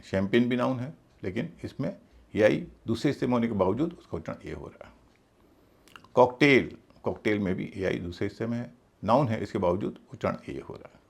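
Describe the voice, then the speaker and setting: A man teaching English pronunciation in a video lesson, speaking slowly and deliberately and spelling words out letter by letter. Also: mid-range voice, gravelly, slightly rough.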